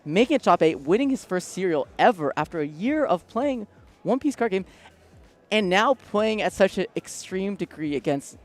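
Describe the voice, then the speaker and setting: A man commenting live on a card game tournament at a convention centre, bursting with excitement. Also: sits high, normal speed. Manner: excitable, breathless bursts of hype.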